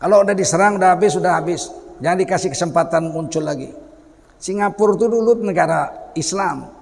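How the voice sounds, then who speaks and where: A middle-aged man delivers a lively sermon. He mocks and acts out the people he describes. His voice sits a little high and rings with a long hall reverb. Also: quick pace, vocal fry. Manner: animated, mocking, acts out quoted people. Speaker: preacher.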